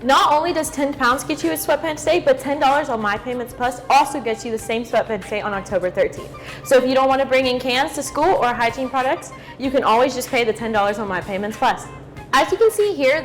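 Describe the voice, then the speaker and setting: A teenage girl announcing on a school news show in a brisk, informative way. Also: high-pitched, soft background music, low-quality recording. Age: teens. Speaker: student announcer.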